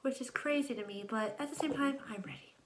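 Speaking a little fast against a noisy background, this high-voiced American woman, nineteen and from Ohio, hosts her channel and introduces herself. She chats to camera in a rambling vlog style, frequently interrupting herself, from a small indoor room at home where the untreated space echoes.

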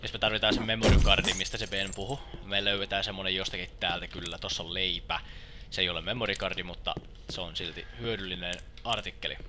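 A young man giving casual game commentary, swearing often and shouting English exclamations when excited. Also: sits low, background noise. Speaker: lets play gamer. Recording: loud in-game gunfire. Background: game gunfire and clicks.

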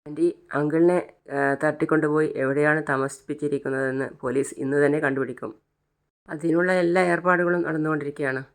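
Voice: mid-range voice, steady tone, quick pace, lightly acted. An earnest young man, read by a narrator. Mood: reassuring. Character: young man reassuring his worried family.

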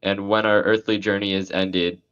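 A man leading a graveside burial prayer, reciting liturgy in a solemn, measured way. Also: on the low side, flat delivery, fairly bright tone, clean tone, highs cut off. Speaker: priest.

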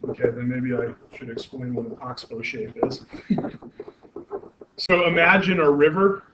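A man's voice: mid-range voice, expressive, unhurried. Man lecturing, muffled lo-fi recording. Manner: explanatory, frequent fillers and self-corrections; asks the class questions. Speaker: university anatomy lecturer. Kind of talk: classroom lecture. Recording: muffled lo-fi classroom recording with faint noise.

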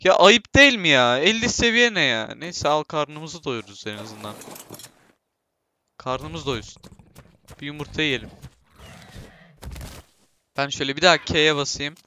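A man giving casual, self-mocking commentary while playing a game, talking to himself and his viewers and bursting into excited shouts. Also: fairly high pitch, unhurried, pauses often, slight background noise. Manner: self-mocking, laughs often. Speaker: gameplay streamer.

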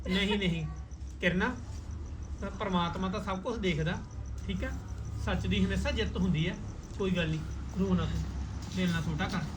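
A man with a Punjabi accent acting a loyal, trusting elder brother who calmly reassures his sister. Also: high-pitched, normal speed, pauses often, background noise, close to an everyday voice. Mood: soothing. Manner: calm, protective, reassuring. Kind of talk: Punjabi short film acting.

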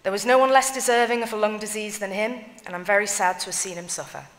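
Woman reader, solemn measured eulogy reading, medium pitch, long church echo. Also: steady tone. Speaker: reader of family tributes at a funeral. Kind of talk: reading written eulogies aloud.

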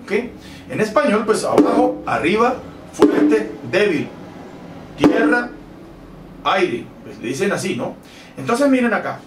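Slow, lively-pitched man teaching bongo. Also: background noise. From Colombia. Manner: patient, counts beats aloud, corrects himself. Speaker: bongo instructor. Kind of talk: music lesson with demonstrations. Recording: roomy, mic at a distance, loud drumming. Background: bongo drumming.

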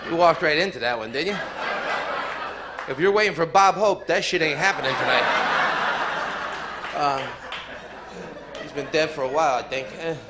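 A man's voice: a little high, normal speed, pauses often. A man doing a stand-up set in a comedy club, brash and profane, teasing the crowd. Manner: brash, profane, teases the audience. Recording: live club recording with room noise.

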